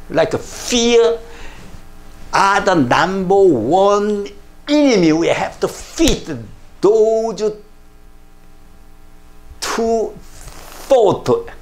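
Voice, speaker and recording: An older man, a pastor who learned Korean first, gives a sermon to camera from a plain studio room indoors. His voice is gravelly and fairly high, his pace very slow, and he presses hard on every phrase in broken English, frequently adding hallelujahs and amens.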